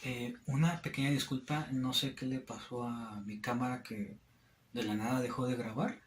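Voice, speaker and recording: A young man presents a class topic with plenty of hesitations and restarts. His voice sits at a middle pitch. The room around him is echoey, with a faint hiss underneath. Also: fairly even intonation, normal speed. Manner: hesitant, frequent fillers and restarts. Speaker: student presenter. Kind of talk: classroom explanation at a whiteboard.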